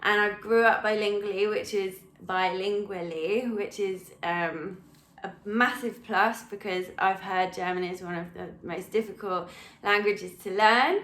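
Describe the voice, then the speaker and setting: A woman's voice: mid-range voice, fairly even intonation, a little slow, a bit bright. Chatty English woman in an echoey room. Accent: English, London. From England. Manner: chatty, rambling, with frequent ums and laughs. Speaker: personal trainer. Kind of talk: casual chat to camera.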